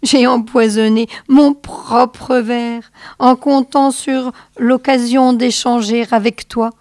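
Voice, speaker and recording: A bitter old husband makes solemn, grand farewells full of old hatred, voiced by a woman reader. He speaks slowly in a close, dry sound. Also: on the high side, steady tone, a little mellow, no room sound, voice pushed up. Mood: gleeful.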